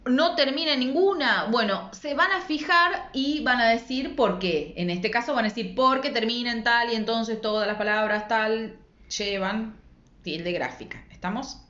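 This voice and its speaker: Speaking at a moderate pace in a fairly bright voice on the high side, this Argentine-accented woman teaches language at secondary school. She walks through spelling rules patiently and didactically, posing rhetorical questions to check understanding, recorded in an echoey room with dull lo-fi audio.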